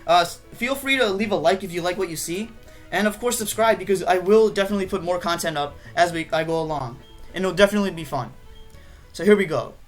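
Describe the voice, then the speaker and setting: A woman's voice: fairly low pitch, fast talker, soft background music. A woman hosting a gaming channel, giving casual, rambling commentary full of fillers while she plays. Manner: rambling, chatty, with many fillers.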